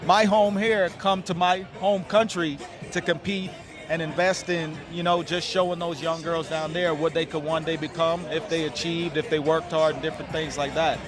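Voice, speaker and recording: A man's voice: a little high, fairly even intonation, moderate pace. A man from the Bahamas, a nonprofit founder, talking earnestly as a guest in an outdoor interview. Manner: earnest, conversational. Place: outdoor tailgate. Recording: outdoor tailgate with crowd and music. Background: crowd and loud music.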